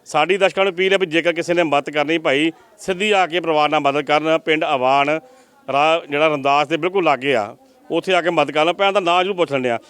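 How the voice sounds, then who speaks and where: Male field reporter, rapid, pleading, high-ish and clear. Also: fairly bright tone. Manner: earnest, pleading appeals to viewers.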